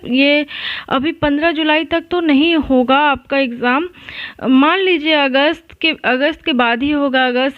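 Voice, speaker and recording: Chatty and reassuring, an online exam-prep educator talks casually to her students, frequently restarting sentences and fixing herself midway. Her voice is high-pitched, the lo-fi recording free of room sound.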